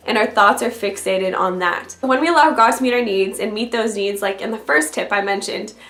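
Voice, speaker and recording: Raspy, sick woman vlogger in echoey room. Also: fairly high pitch, a bit bright. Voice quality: raspy from illness. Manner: direct, conversational address to the listener. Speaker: video blogger. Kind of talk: scripted-feeling encouraging faith vlog talk to camera. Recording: roomy, echoey sound.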